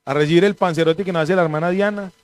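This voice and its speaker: A pastor preaches in a loose, conversational way. His voice sits high for a man, and he tells animated stories with a joking edge. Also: fast talker, clear, resonant tone, no room sound. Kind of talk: conversational sermon.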